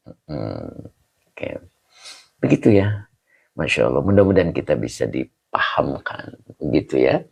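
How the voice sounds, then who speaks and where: A man's voice: extremely low pitch, gravelly, a little mellow, husky, muffled recording. A man teaching a Quran study class, explaining Arabic grammar step by step and correcting his own slips as he goes.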